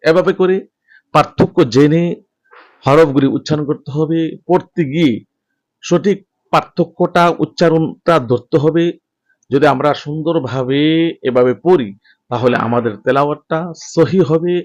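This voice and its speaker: A man teaching Quran reading, chanting each Arabic letter with its vowel mark in a slow, measured drill, then speaking to his viewers in a softer voice. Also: a little high. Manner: softer, quicker closing talk to viewers.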